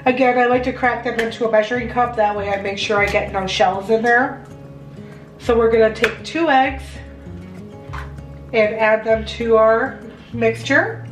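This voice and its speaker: With soft music playing in the background, a young American woman who vlogs about home baking explains a recipe step by step in a chatty, instructive way. Her voice is a little high and fairly even, at a measured pace with long pauses, and the indoor kitchen gives a roomy echo.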